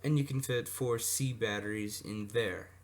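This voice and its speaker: In a steady, lowish voice and a slightly slow pace, a man demonstrates vintage electronics for his hobby videos. He talks off the cuff with asides and self-corrections, captured in a noisy amateur recording with clicks.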